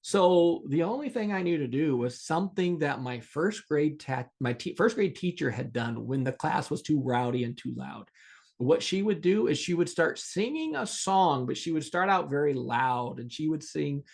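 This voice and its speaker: A middle-aged man hosting a podcast, telling a story and explaining a skill in an earnest, animated way with restarts. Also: fairly high pitch, normal speed, gravelly. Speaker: podcast host. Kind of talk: storytelling teaching monologue.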